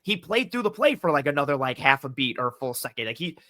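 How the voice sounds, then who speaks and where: A man with a bright, forceful voice talks football on a podcast, close to the mic in a dry room. He tells stories with energy and acts out the voices of others. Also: on the high side, fast talker, dry recording. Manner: animated storytelling with quoted voices. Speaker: team analyst guest. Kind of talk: casual sports podcast chat.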